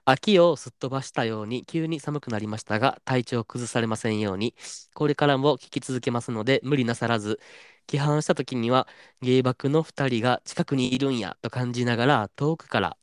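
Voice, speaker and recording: A man's voice: mid-range voice, fairly quick, smooth, no echo. A Kansai-accented man chats easily as he co-hosts a podcast and reads out listener mail. His r-sounds come out a touch unsteady, and the mic sound is dry and close. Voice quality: stumbles on r-sounds. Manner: reads listener letters aloud, relaxed banter. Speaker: podcast co-host. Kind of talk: casual podcast chat.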